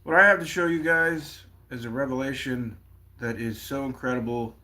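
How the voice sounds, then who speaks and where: A man hosting a casual livestream, talking in an excitable, rambling way with many fillers. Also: mid-range voice, moderate pace. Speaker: livestream host. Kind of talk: casual livestream chat about prophecy.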